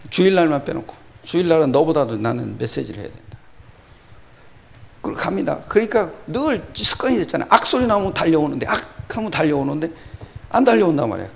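Here a pastor's high, creaky voice carries the sermon. He alternates loud exclamations with hushed whispers and supplies answers to his own rhetorical questions.

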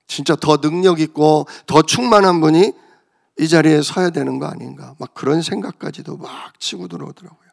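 A man's voice: fairly high pitch, normal speed, vocal fry. A man pastor preaching an emotional, confessional sermon that builds in intensity.

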